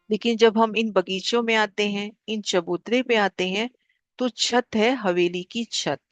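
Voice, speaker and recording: A woman teaching a spiritual class, calmly guiding listeners through maps and repeating key figures so they stick. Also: mid-range voice, no room sound. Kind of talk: devotional lesson explaining maps.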